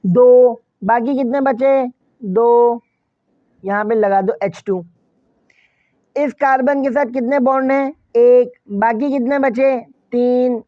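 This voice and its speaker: A man's voice: extremely high pitch, slow pace, no room sound, phone-quality sound. A man teaching a chemistry lesson, asking questions and answering them himself, repeating key points and speaking straight to his students. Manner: repeats key phrases, addresses students directly. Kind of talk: classroom lecture.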